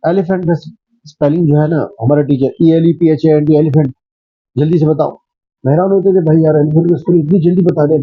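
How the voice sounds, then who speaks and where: School principal guy from pakistan, kinda high voice, explains step by step like a teacher, dry muffled sound. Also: no echo. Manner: explanatory, teacherly, with many fillers and examples. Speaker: school principal, interview guest. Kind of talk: conversational interview answer.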